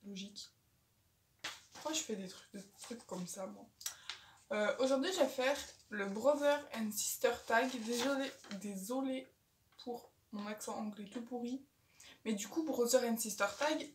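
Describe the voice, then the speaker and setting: A woman's voice: on the high side, normal speed, distant mic, slight background noise. Chatty teenage girl in an echoey room. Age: teens. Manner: chatty, bossy big sister. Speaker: youtuber. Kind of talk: casual vlog chat. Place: home, indoors.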